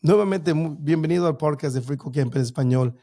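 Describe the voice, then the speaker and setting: A man's voice: a little high, fairly quick, mellow. A man hosting a podcast, reading introductions from a script and then asking questions with some hesitation. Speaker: podcast host.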